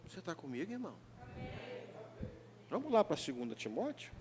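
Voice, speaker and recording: High-voiced, animated Brazilian pastor. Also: male voice, normal speed. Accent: Brazilian Portuguese, Rio de Janeiro. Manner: animated, jokey, mimics congregants, often asks the crowd. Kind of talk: sermon. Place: church hall.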